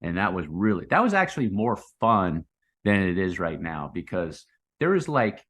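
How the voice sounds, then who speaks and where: Male crypto bro commentator, slightly low register, off-the-cuff and hyped, buddy-style slang, repeats himself for punch. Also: very animated, moderate pace, a bit bright. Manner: hyped, slangy crypto bro talk, saying 'man', 'dude' and 'guys'; rambling, repeats phrases for emphasis. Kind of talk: casual unscripted market commentary.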